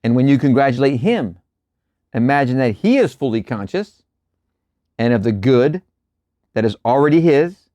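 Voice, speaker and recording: A man's voice: medium pitch, no room sound, dull audio. Man reading spiritual lectures, dry sound. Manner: measured, deliberate reading broken by relaxed asides and chuckles. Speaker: host reading and explaining lectures. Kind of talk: reading aloud with casual commentary.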